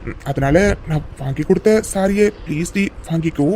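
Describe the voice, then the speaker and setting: A man voicing a doting young man in a cartoon love story, teasing and then gently comforting his crying sweetheart. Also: on the high side, moderate pace, a little hiss or hum, natural voice. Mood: coaxing. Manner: coaxing, affectionate and teasing. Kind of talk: cartoon voice acting.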